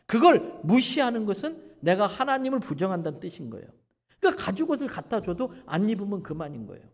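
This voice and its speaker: A man's voice: high voice, creaky, darkish tone. A man preaching a revival sermon and telling a story, acting out the voices of a father and son. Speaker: pastor. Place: church sanctuary. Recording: church sanctuary with long reverb.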